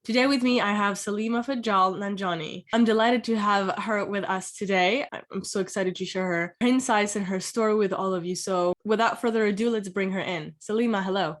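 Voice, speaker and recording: A woman's voice: mid-range voice, fairly quick, hardly any pauses. A woman hosting a career interview show, opening with upbeat, welcoming, script-like introductions and questions.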